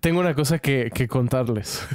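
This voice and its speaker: A man's voice: mid-range voice, moderate pace, clean tone, dry recording, studio quality. A man co-hosting a podcast, laid back, frank and funny. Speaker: podcast co-host. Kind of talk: casual chat.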